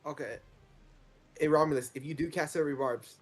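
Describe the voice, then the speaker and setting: A man playing a tabletop game, talking quietly and casually. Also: fairly high pitch, fairly quick. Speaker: player.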